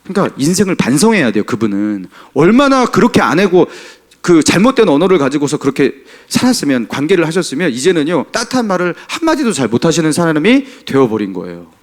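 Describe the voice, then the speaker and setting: A middle-aged pastor preaching a Sunday sermon in a church, asking the congregation questions. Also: male voice, fairly high pitch, big pitch swings, fast. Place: church sanctuary.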